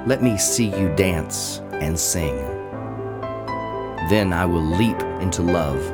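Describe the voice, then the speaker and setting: Loud music plays behind a deep-voiced man reading a daily devotional. He works slowly through his script, separating each phrase with intentional pauses, and keeps a measured pace the whole way.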